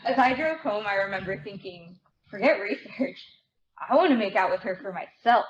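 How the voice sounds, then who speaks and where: Before an audience indoors, a woman presenter performs a dramatic memoir reading at a library event, speaking expressively at normal speed with medium pitch. Noticeable room noise runs through the dull live recording.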